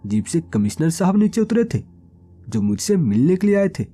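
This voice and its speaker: A man from Maharashtra telling a first-person horror story as a police inspector, dramatic with suspenseful pauses. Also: a little high, very animated, mellow, breathy edge. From Maharashtra, India.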